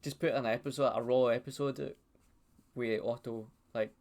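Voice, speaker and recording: A man's voice: medium pitch, fairly even intonation, normal speed, a little mellow. A Scottish man hosting a podcast, chatting casually over a video call in a blunt, sweary, laid-back way. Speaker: podcast host. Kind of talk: casual chat. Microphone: webcam video call.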